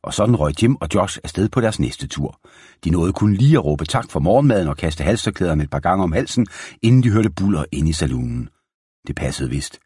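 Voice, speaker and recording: Low husky guy reading a story out loud, steady and calm, dry mic. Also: no room sound. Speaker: narrator.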